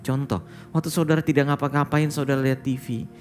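A man's voice: mid-range voice, flat delivery, fast talker, soft background music. A male pastor preaching a sermon, telling a story and often addressing the congregation directly, with English words mixed into his speech.

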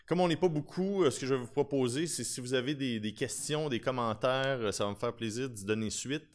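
A man's voice: mid-range voice, a little fast. A man in his thirties with a Québécois French accent, giving an informal, talkative conference presentation at a podium microphone. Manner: informal, talkative, with self-deprecating humour. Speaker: conference speaker, lawyer specializing in digital forensics. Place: conference room at a lectern. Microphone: podium gooseneck microphone.

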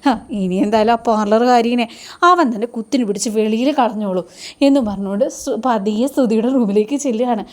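Chatty serial-recap host, a woman with a high voice, telling the plot like gossip to a friend. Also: fairly quick, darkish tone. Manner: chatty, addresses listener with tag words. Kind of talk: casual episode retelling.

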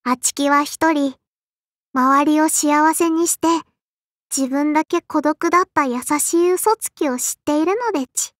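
For a Japanese anime game, a woman voices a small sparrow girl who is strict but kindly and dutiful, using a high, childlike, lisping voice at a measured pace. The character sounds prim and admonishing, speaking formally yet cutely with chirping verbal tics. The studio-quality recording has no room sound.

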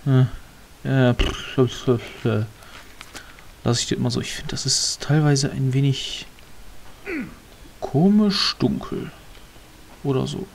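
A man's voice: mid-range voice, slow pace, creaky, pauses often, a little hiss or hum. A man casually commenting on a game as he plays, rambling, muttering to himself and grumbling a little. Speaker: let's player.

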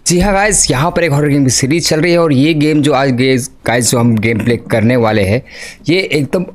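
A man's voice: medium pitch, brisk. Chatty man doing gameplay commentary. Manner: chatty, keeps addressing viewers as guys. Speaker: gaming YouTuber. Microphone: desk microphone.

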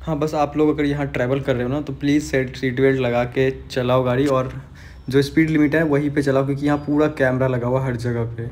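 A man's voice: medium pitch, level tone, a little fast, over music. A young man casually narrating a road-trip vlog from inside a car, chatting directly to his viewers. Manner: chatty, talks straight to viewers. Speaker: travel vlogger.

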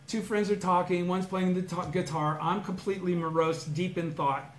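Animated Southern Californian man telling a story. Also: high voice, moderate pace. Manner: animated storyteller who acts out his own past words, shouts and chanting. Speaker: study group member telling a personal story. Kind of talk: casual storytelling to a small group. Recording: echoey room with faint background noise.

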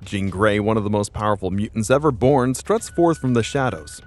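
A man narrates a comic-book saga in a fairly low voice. His delivery is scripted, dramatic and emphatic, with music playing faintly underneath. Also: normal speed, darkish tone.

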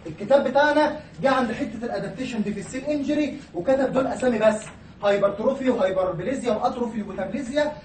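Now talking very fast in a very high, slightly mellow voice, the lecturer continues his recorded pathology class with an Egyptian Arabic accent, using English medical terms and answering his own questions to students. The mic sits far from him in an echoey room, with a little hiss or hum.

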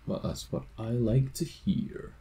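A man in casual chat while playing a video game with a friend, relaxed, reading quest text aloud with a chuckle. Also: medium pitch, unhurried, creaky, noisy background. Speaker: co-host of a gaming series.

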